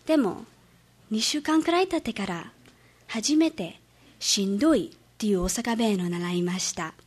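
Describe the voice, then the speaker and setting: A woman from Hawaii, a student, delivering a memorized speech with careful, measured phrasing. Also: mid-range voice, lively intonation, husky. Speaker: student speaker.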